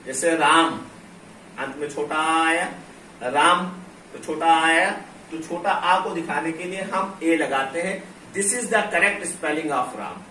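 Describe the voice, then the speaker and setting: A man teaching English pronunciation and grammar, explaining slowly, repeating key words and spelling out letters. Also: a little high, bright, forceful tone. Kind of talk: classroom-style explanation at a board. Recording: echoey room, from a distance, faint noise.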